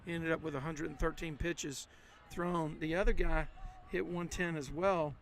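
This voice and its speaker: A man commentating on a high school baseball game in a folksy, chatty way, retelling last night's game with lots of restarts, recorded outdoors with faint street noise behind him. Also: normal speed. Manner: folksy, animated storytelling with many restarts. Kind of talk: casual game-day commentary.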